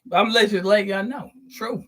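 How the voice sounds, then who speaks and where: Male channel host, somewhat high voice, profane preachy monologue, emphatic, chuckles between points. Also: pushed and bright. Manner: drawn-out, stressed words. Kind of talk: spiritual monologue to viewers.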